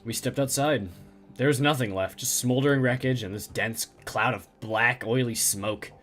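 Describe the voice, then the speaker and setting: A man voicing a haunted middle-aged male survivor who speaks in a halting, stammering way. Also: medium pitch, fairly bright tone, soft background music, pitched below the performer's own voice, natural voice. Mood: shaken.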